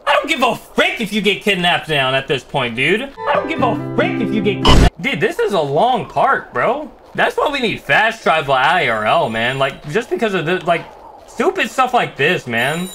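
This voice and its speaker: Young man, gaming commentary, jumpy and excitable, high voice, lively swings. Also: moderate pace, soft background music. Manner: excitable, jumpy, yells when scared. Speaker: gaming YouTuber. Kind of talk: gameplay commentary.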